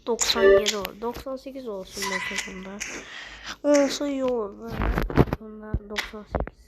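A woman giving casual, slangy gameplay commentary while opening packs, and she breaks into excited shouts. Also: medium pitch, moderate pace. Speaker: gaming channel host. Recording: loud background noise.

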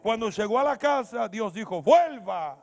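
A man preaching a sermon as pastor, telling a story and building to loud shouted climaxes. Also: high voice, expressive, a little slow, soft background music. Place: church.

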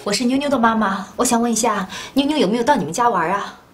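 A woman's voice: a little high, expressive, quick pace, breathy edge. An actress playing an anxious, tender young mother in a TV drama. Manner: anxious, soothing. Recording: with music score.

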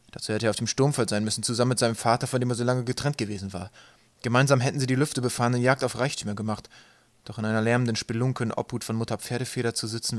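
Guy reading an audiobook, calm and even, totally dry recording. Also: lowish voice, no echo. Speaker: audiobook narrator.

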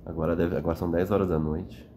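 A man with a lowish voice talks to the camera late at night, earnest and wandering, often checking with the listener. He sounds worn out after a long day of crying. A faint hum of room ambience sits behind him. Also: level tone, quick pace, warm tone. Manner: earnest, rambling, frequent "né?" tags. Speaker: vlogger. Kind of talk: emotional reflective monologue. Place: indoors, at night.

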